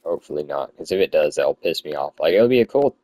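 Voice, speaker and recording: A man's voice: rumbling low, lively intonation, fast, mellow. A young man giving casual gameplay commentary in a stoned, rambling, easily sidetracked way, swearing freely. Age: young adult. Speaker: gamer recording commentary.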